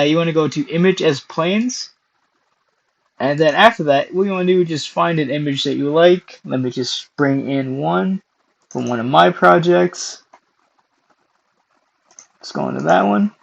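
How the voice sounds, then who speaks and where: A young man with a fairly high voice hosts a casual screen-recorded software tutorial, hoarse and losing his voice. He clears his throat often between steps, and the recording sounds muffled.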